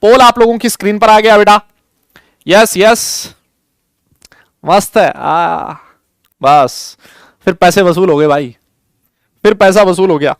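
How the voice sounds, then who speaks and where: A man's voice: high-pitched, slow pace, creaky, long pauses, clean tone, dry recording. A young man teaching chemistry in a live online class, chatty and jokey, calling students beta as he runs polls.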